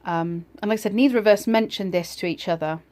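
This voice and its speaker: Her voice medium in pitch and a touch mellow, a woman tells of her own ghostly experience in a relaxed manner. The telling is thoughtful and a bit hesitant, broken by pauses between brief phrases.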